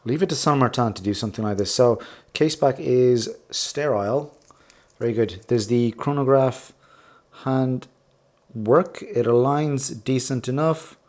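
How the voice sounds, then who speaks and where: A man's voice: mid-range voice, measured pace, darkish tone. A man hosting a casual unboxing vlog, talking enthusiastically and gushing over details with rambling asides. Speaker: watch reviewer, channel host.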